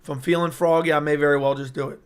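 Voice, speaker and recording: Chatting casually on his livestream, a young MMA YouTuber answers viewer comments one after another, rambling and hyped into a personal streaming mic. He talks very fast in a steady tone, his voice a little high for a man. Though strained and cutting in and out, it stays clear at its core.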